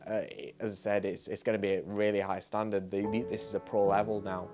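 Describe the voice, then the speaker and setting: Young bloke vlogging about bodybuilding, lowish voice, loose and chatty, music going in the background. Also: male voice, little pitch movement, brisk, darkish tone. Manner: laid-back, chatty, many fillers and restarts. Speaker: bodybuilding vlogger and posing coach. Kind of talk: casual vlog talk.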